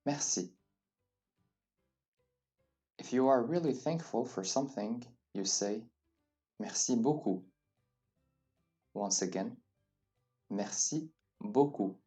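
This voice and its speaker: A man with a low-leaning, dark voice patiently gives a slow beginner French lesson, voicing each phrase and then repeating it. It's captured on a distant mic, with faint music behind him.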